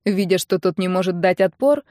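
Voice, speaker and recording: A woman narrating a first-person audiobook in a lively storytelling manner. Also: fairly low pitch, fairly quick, no echo. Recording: dry close-miked audiobook.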